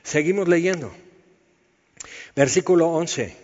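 A man preaches a sermon, his voice sitting on the higher side. He teaches in a conversational, explanatory way. The sound is dull and slightly muffled, with a long reverb trailing off in a church hall. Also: slow, darkish tone.

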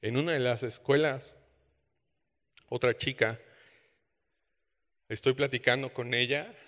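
Male preacher, animated storytelling, roomy hall sound. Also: medium pitch, takes it slowly. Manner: animated storytelling with quoted dialogue. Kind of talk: sermon storytelling. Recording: dull echoey hall.

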